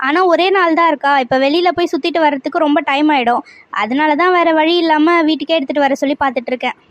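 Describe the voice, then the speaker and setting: A woman voicing a gentle middle-aged mother of the groom in a cartoon serial. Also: high-pitched, fast, close to an everyday voice.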